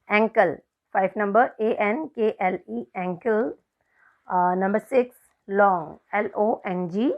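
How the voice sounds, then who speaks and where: A woman with an Indian accent teaching an English spelling lesson online, explaining in Hindi and English and spelling out words letter by letter. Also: mid-range voice. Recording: dull lo-fi recording.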